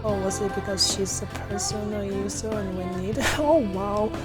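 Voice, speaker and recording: Over background game music, a woman with a mid-range voice speaking at normal speed chats on her livestream of a visual-novel game. Her commentary is relaxed, rambling and giggly, often trailing off.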